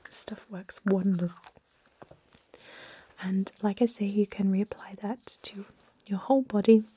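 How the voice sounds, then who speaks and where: In a whispered ASMR roleplay, a woman with a mid-range voice plays a calm, reassuring thousand-year-old vampire medic. Her breathy whisper is gentle and unhurried, hesitant as she softly explains things, and the mood is soothing. The recording is dry.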